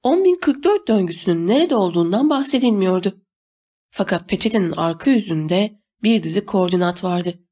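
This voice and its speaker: Brief: woman audiobook narrator, mid pitch, lively animated reading. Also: normal speed. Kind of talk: scripted narration.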